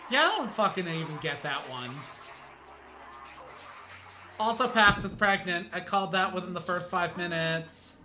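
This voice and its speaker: A man riffing over a game stream, his voice bright and a touch high. He talks in a loose, profane, sarcastic ramble, jumping from gripe to gripe. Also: animated, measured pace, long pauses, slight background noise. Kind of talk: casual gameplay commentary.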